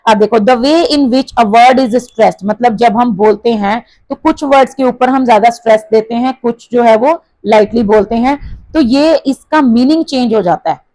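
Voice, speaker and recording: Indian woman teacher mixing hindi and english, bit high voice, dry close sound. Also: mellow, no echo, low-quality recording. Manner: mixes Hindi and English, reads sentences aloud slowly with stress. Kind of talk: explaining a textbook exercise to students.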